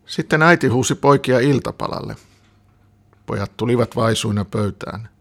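A man calmly reading a children's story aloud. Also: mid-range voice, vocal fry.

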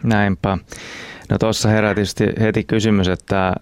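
A man hosting a radio interview, asking questions in a relaxed, conversational way. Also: fairly low pitch, clean tone, no room sound. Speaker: radio show host.

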